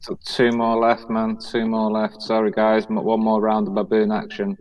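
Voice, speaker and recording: A man's voice: on the low side, completely flat delivery, moderate pace, darkish tone. A laid-back man playing a tabletop game, recorded from a distance. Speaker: player. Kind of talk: casual game chat. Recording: distant from mic.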